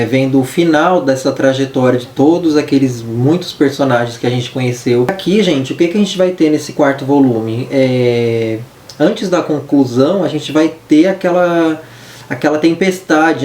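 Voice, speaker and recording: A man's voice: mid-range voice, a little mellow. A Brazilian man chatting casually through a book review, with a lisp and hissy s sounds from wearing braces. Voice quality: lisping, hissy sibilants from wearing dental braces. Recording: roomy echo, distant mic, faint noise.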